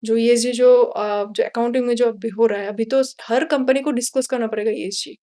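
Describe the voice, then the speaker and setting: Consultant guest, woman from India, high voice, animated storyteller, switches between Hindi and English. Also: normal speed. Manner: animated, mixes English into Hindi, acts out dialogue. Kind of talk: storytelling interview answers.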